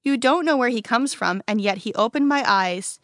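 An earnest grown man, once blind, who states what happened to him plainly and insistently, as a woman reads his lines. The voice sits fairly high and the recording is dry and close. He is a storybook figure. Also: expressive, normal speed, fairly bright tone, no room sound. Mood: frustrated. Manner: insistent, matter-of-fact. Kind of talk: storybook character reading.

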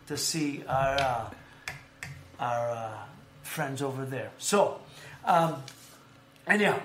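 A man hosting a casual sports chat, telling stories in a rambling, animated way with lots of fillers. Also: mid-range voice, takes it slowly, reverberant, a little hiss or hum. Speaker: podcast host.

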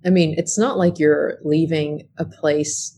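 A young woman co-hosting a podcast, chatting in a relaxed, rambling way with lots of fillers. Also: low-pitched, unhurried, husky. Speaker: podcast co-host. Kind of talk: casual chat.

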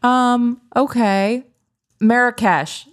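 A woman co-hosting a podcast in casual chat, animated and quick to joke, sounding incredulous at times. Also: a little high. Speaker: podcast co-host.

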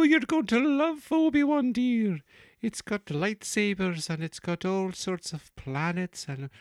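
A man doing a falsetto old nanny. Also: clear, resonant tone, no echo, clean studio sound. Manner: doting, high falsetto, gushing. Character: sweet fussy elderly nanny woman.

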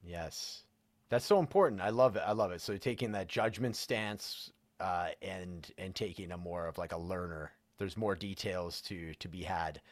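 A man hosting a podcast interview, warmly enthusiastic and often pausing on "uh" while he speaks. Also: low voice, dry recording. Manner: enthusiastic, fills pauses with "uh". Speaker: podcast host. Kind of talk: interview host chat.

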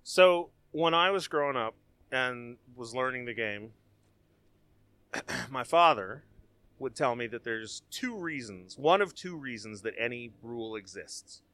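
Bright, animated man hosting a chat. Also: mid-range voice, a little slow, no echo. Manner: storytelling, joking, animated. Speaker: host. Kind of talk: casual chat.

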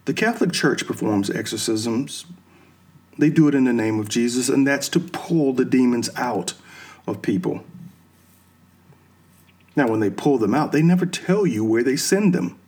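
A man's voice: mid-range voice, animated, a little mellow, slightly rough. A man talking through his ideas in an unscripted monologue, asking himself questions and then answering them. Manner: slow, musing explanations drawn from films and religion.

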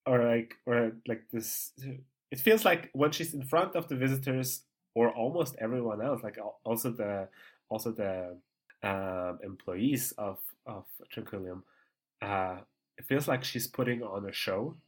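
A man co-hosting a podcast, chatting casually with frequent laughter and halting, hesitant phrasing. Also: mid-range voice, slightly rough. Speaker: podcast co-host. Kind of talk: casual chat about a TV show.

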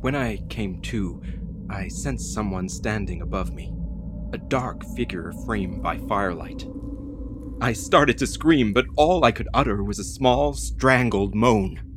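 A man narrating as a frightened young soldier held captive, telling it in a tense, hushed way. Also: on the low side, measured pace, heavy background noise, natural voice. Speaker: first-person narrator. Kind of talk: audio drama narration.

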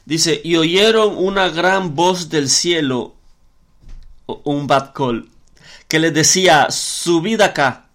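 A man's voice: on the high side, slow, a bit bright. A man preaching a sermon in an earnest way, often repeating words and using fillers as he works through scripture.

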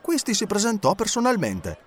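Expressive male storyteller. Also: high voice, moderate pace. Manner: expressive, lilting. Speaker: narrator. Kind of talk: audiobook reading.

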